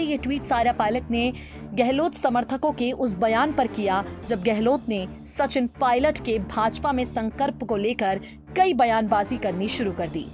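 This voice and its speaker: A woman reading a scripted news voice-over, quoting posts aloud in an even newsreader cadence. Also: a little high. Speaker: news reader. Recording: voice-over with clear background music.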